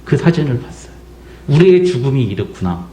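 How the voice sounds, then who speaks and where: A man's voice: medium pitch, big pitch swings, fairly quick, warm tone, slight background noise. A middle-aged man from South Korea preaching a sermon as pastor, acting out quotes and asking the congregation pointed questions. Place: church sanctuary. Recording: echoey church sanctuary.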